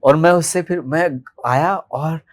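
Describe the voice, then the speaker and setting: A man in his thirties from Delhi, a podcast guest telling his life story in a candid, animated way and acting out remembered dialogue. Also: a little high, slow pace. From Delhi, India. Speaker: podcast guest, martial arts practitioner.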